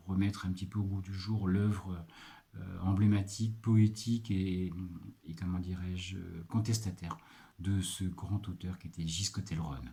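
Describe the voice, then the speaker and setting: A French librarian presenting picks in a casual video, hesitant and full of filler pauses as he checks his notes. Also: lowish voice, warm tone. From France.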